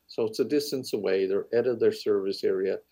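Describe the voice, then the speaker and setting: Husky, creaky Cape Breton man. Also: on the low side, a little fast, warm tone, dry recording. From Cape Breton, Canada. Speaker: veteran paramedic and union manager. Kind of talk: interview answers.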